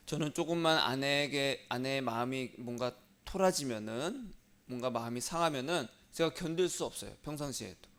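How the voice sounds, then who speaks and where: A middle-aged man from South Korea gives a sermon as a pastor. He tells a personal story earnestly in a voice of middle pitch, often letting it fall to a soft, quiet tone. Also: clear, resonant tone.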